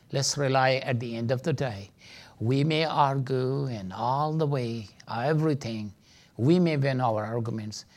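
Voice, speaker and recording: A man's voice: medium pitch, creaky, a little mellow. A man with a Pakistani accent teaching a seminar like a preacher, earnest and emphatic. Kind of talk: teaching seminar with sermon-like exhortation.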